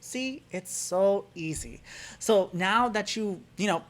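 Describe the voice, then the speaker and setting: A man's voice: high-pitched, takes it slowly. A man in a casual video lesson, teasing his viewers about getting one word wrong. He sounds playfully exasperated, leaning hard on each repetition of the word. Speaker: vlogger teaching German pronunciation. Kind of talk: casual comedic lesson to camera.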